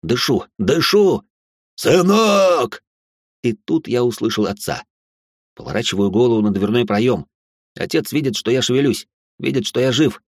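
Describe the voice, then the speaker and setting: A man narrating a story in the first person, tense and expressive, breaking into outbursts, close to the mic. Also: mid-range voice, brisk, no room sound.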